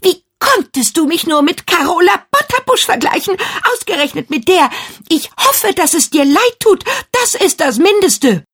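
A woman voicing a vain, spoiled young girl who rants and shouts in a shrill voice, in a read-aloud children's story. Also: very animated, moderate pace, exaggerated voice. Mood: mocking. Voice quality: shrill, squealing. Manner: indignant, ranting, shouting. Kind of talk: storybook reading.

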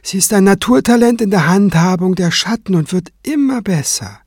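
A man voicing a calm male cleric with dry, ironic wit in an audiobook. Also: high voice, normal speed, breathy edge, dry recording, voice pushed up.

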